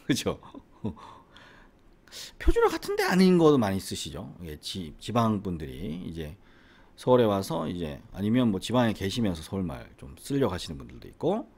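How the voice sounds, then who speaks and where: A middle-aged English academy owner and teacher from South Korea's Gyeongsang region, with a faint Gyeongsang accent, gives a casual educational monologue to the camera, often asking the viewer rhetorical questions. His fairly low, slightly mellow voice has a breathy edge and huge pitch swings at a moderate pace.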